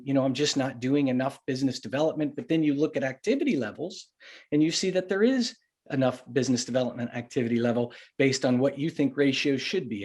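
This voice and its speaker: A man's voice: medium pitch, darkish tone. Man leading a virtual sales workshop. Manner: conversational, folksy with anecdotes. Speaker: workshop facilitator. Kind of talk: virtual master class presentation.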